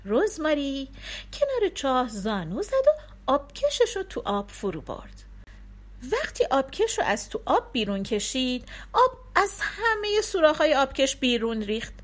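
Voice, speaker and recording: A woman narrating a folk tale for listeners, expressive and acting out the characters. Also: sits high.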